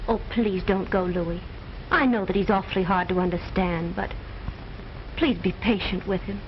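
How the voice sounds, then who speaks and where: A woman's voice: mid-range voice, fairly even intonation, normal speed, lightly acted. A woman playing an anxious, genteel madame with a pleading manner in an old film drama. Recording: muffled old film soundtrack, loud noise.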